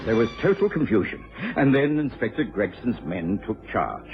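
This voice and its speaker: An actor playing a loyal, grumbling English doctor, telling and acting a radio detective story. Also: male voice, lowish voice, big pitch swings, moderate pace, faint music behind. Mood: grave storytelling. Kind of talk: old-time radio drama acting and narration. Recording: dull, hissy old radio recording.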